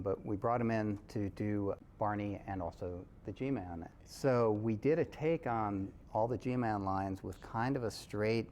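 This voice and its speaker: A man explains his work as a game developer in a casual documentary interview. His voice is a bit low, with faint ambience behind it. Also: warm tone, slight background noise.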